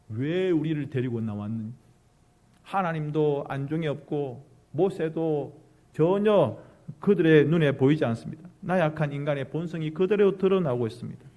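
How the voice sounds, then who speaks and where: A man, preaching a sermon in a church and acting out harsh and gentle quoted lines. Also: fairly high pitch. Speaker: pastor. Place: church sanctuary.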